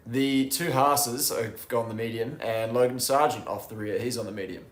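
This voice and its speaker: A man's voice: mid-range voice, moderate pace, reverberant. A man giving casual race commentary with dry, teasing banter.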